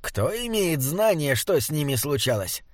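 A man's voice: on the high side, very animated, moderate pace, no echo. A man puts on a little male troll with a raised, clipped voice and stiffly formal phrasing. He sounds prim and sure of himself, like a scholar lecturing his companions. The recording is dry and close. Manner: stilted, oddly formal phrasing. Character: small wise male troll guide, formal.

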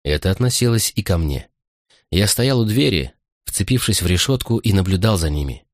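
A man reading a first-person audiobook narration in a measured, even storytelling manner. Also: deep voice, dry recording, clean studio sound.

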